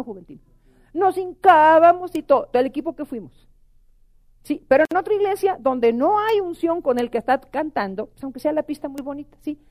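A woman gives a fervent sermon testimony. Her voice sits high, and she keeps turning to the congregation with questions. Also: warm tone. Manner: impassioned, asks the congregation questions. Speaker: preacher.

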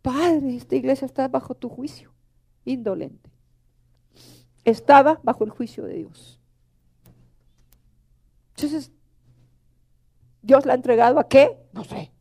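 Middle-aged lady preacher, high mellow voice, pleading and emotional sermon to the church. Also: a little slow, vocal fry, pauses often, slightly rough. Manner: emotional, pleading, addresses the congregation as brothers.

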